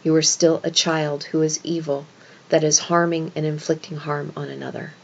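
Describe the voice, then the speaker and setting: A woman's voice: low-pitched, little pitch movement, normal speed, vocal fry, muffled recording. A woman giving an esoteric scripture lesson as a religious teacher, explaining in an instructive way and stressing key words.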